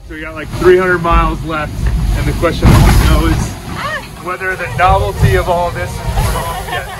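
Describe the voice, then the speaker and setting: A man casually narrating his time aboard a fast racing sailboat, filmed on an action camera in the cabin. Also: on the high side, over loud music, rough recording. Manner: relaxed, talks over boat noise.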